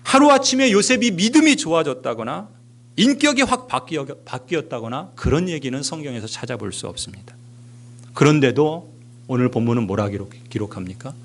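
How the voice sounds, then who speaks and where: A middle-aged man preaching a sermon as pastor in a church, stressing key words loudly and then dropping to hushed, almost whispered phrases. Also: mid-range voice, very animated, brisk. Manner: emphatic, swinging between raised stresses and hushed near-whispers. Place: church sanctuary.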